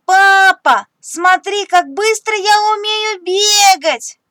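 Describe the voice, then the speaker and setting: A woman voicing a little boy mouse who fibs and boasts, squeaky and childish, in a storybook reading. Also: expressive, slow, bright, forceful tone, no echo, studio quality, full character voice. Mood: boastful.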